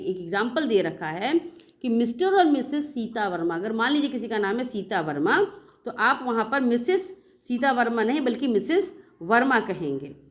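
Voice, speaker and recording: A woman with an Indian English accent teaching a beginners' spoken English class, patiently explaining and asking rhetorical questions. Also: on the high side. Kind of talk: classroom lesson explaining in Hindi.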